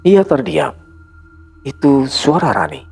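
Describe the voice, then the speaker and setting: A male storyteller with a gravelly, husky voice reads a horror tale in a dramatic, hushed way. His pitch moves a lot as he builds tension, with soft music underneath. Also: huge pitch swings, slow. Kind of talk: scripted horror narration.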